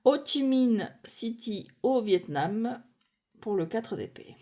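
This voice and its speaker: Slow, musing French woman reviewing cards. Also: on the high side, expressive, warm tone. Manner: unhurried, thinking aloud with frequent fillers and self-corrections. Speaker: tarot deck reviewer. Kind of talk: casual deck walkthrough.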